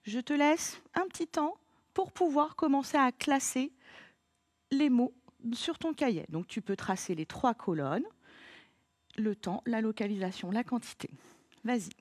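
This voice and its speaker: A woman teacher leading a child through a slow, patient spelling lesson, spelling words letter by letter. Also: on the high side, a little mellow, dry recording.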